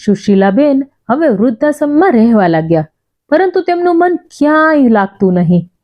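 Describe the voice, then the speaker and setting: A woman's voice: high-pitched, big pitch swings, moderate pace, highs cut off. A woman telling a story in scripted, emotional narration.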